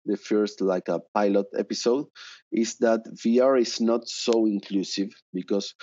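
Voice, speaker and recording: A man's voice: on the low side, a little mellow, dry recording. A man in his thirties from Argentina, speaking English with an Argentine Spanish accent as a panelist, hesitant with many fillers and restarts, on a headset over a video call. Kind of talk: conference panel talk. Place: home room, indoors. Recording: dull video call audio.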